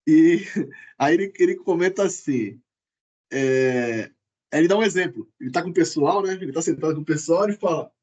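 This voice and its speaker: A man in a prayer group, chatting and telling a story in an animated way. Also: fairly high pitch, moderate pace, husky, muffled recording. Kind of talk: casual chat.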